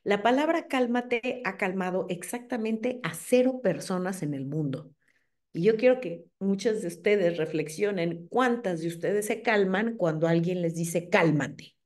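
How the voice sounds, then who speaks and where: Mexican lady lecturing moms, mellow warm voice, keeps asking "ok?", middle-aged. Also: mid-range voice, measured pace. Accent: Mexican Spanish. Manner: animated, asks the audience "¿ok?". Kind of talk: talk to a group of mothers.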